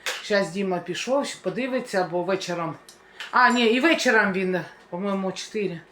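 A woman's voice: medium pitch, moderate pace, fairly bright tone, slight background noise. Chatty village woman filming her garden. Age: middle-aged. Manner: chatty, homely, shows things to camera. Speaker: family vlogger. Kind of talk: casual vlog narration.

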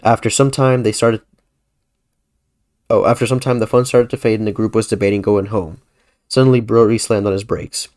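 A man's voice: fairly low pitch, fairly even intonation, moderate pace, pauses often, a little mellow. A man hosting a podcast who reads his own horror story aloud in a casual way, often correcting himself. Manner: casual, self-correcting reading. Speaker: podcast host.

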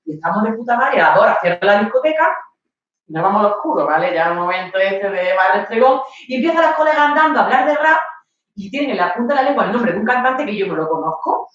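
A woman's voice: medium pitch, quick pace, a little hiss or hum. Nervous woman in a very echoey patio. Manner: lively, acts out scenes, addresses the audience with "¿vale?". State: nervous, coughing. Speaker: speaker at an online talk. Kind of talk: storytelling monologue talk. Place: home patio. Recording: very echoey, distant lo-fi mic.

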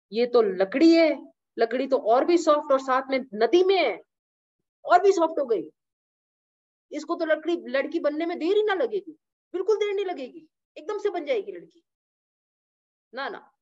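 A woman's voice: high voice, a little mellow, highs cut off, voice pushed up. A woman doing a stubborn teasing boatman. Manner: playful, haggling refusals.

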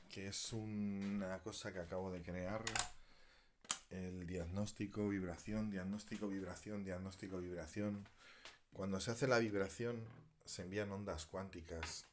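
A deep-voiced Spanish alternative healer talks casually to his followers on a live video, rambling and thinking aloud as he works a device. At times he drops into half-whispered muttering, and there's noise in the background.

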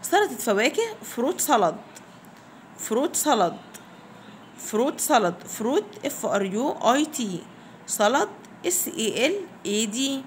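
A fairly high-voiced woman with an Egyptian Arabic accent runs a classroom vocabulary lesson. She repeats each word several times and spells it slowly, letter by letter, calling her pupils her dears. A faint hiss sits under the recording. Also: very animated. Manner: affectionate, addresses pupils as "my dears". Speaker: English teacher.

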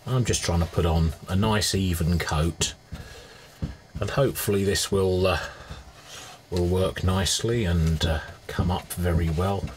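In a hobby repair video, a restorer talks casually through a hands-on demonstration, musing aloud at his cluttered indoor electronics workbench. His voice is low-pitched and steady, delivered at a measured pace. Workshop ambience and background noise come through clearly on the recording.

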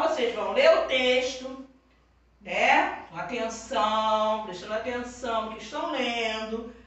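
A Brazilian woman teaching young children, dictating words slowly one at a time. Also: sits high, pushed and bright, distant mic, dull audio. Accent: Brazilian Portuguese. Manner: slow, drawn-out word-by-word dictation. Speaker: primary school teacher. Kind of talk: online class for young children. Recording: echoey room, voice from off-mic.

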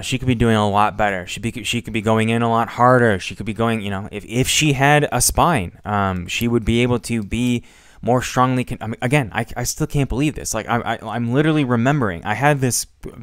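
A man's voice: fairly low pitch, clear, resonant tone, dry recording, clean studio sound. A young man giving rambling, frustrated commentary on a debate, with many fillers and some swearing. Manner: rambling, halting, heavy with fillers. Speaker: political commentator.

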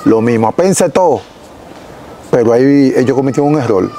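A young Dominican man with a Dominican Spanish accent, telling his story as an interview guest in an animated, casual way, recorded outdoors on a lapel mic. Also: medium pitch, moderate pace, a little hiss or hum, rough recording. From Dominican Republic. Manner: animated, gesturing, frequent self-corrections. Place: outdoors in a rural yard.

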